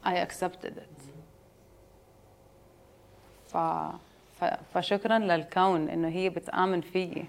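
A woman's voice: fairly low pitch, steady tone, slow, pauses often. Jordanian woman mixing Arabic and English. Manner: mixes Arabic with English phrases. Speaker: interview guest, detox juice business owner. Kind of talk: casual conversational interview answers.

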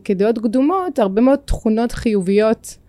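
Mellow woman with a French accent in Hebrew. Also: on the high side, lively intonation. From France. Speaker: podcast guest. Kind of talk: reflective personal interview.

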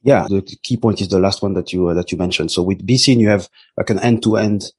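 A man's voice: sits low, steady tone, brisk, breathy edge. A man hosting a podcast interview, hesitant with many fillers. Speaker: podcast host. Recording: dry with faint music.

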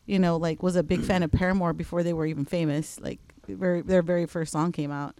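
A woman in her thirties, co-hosting a casual chat and telling stories with quick laughs. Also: on the low side, fairly even intonation, warm tone, no echo. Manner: chatty storyteller, quick laughs. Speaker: co-host.

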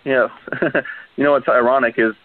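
A man in his twenties calling in to a radio show over the phone, chatty and quick to laugh. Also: medium pitch, steady tone, dry recording. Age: 20s. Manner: chatty, laughs often, hedges with "you know" and "um". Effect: phone line on a radio show. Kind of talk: casual call-in chat. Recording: tinny phone line on the radio.

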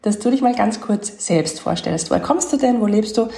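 A woman's voice: medium pitch, animated, moderate pace, vocal fry, warm tone. A woman hosting a fitness podcast, asking a guest questions in a chatty, friendly way. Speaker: podcast host. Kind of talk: podcast interview.

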